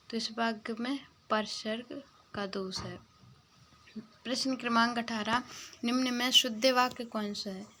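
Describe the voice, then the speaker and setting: A woman's voice: fairly high pitch, fairly bright tone, a little hiss or hum. A woman teacher working through exam questions, reading each one out and then explaining the answer. Some of her answers are half-whispered.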